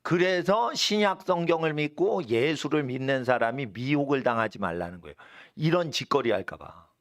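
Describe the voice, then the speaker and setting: A male pastor preaching a sermon, hammering home points with sharp high shouts, then dropping low to explain. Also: animated, normal speed, no echo, studio quality. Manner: drops to a low, quiet explaining tone between outbursts. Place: church.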